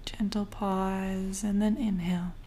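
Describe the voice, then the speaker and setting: Soothing and in no hurry, a woman guides a breathing meditation as a coach, her breathy words often trailing off into near-whispers between long pauses. Her voice is medium-pitched and warm, barely moving in pitch, with slight background noise.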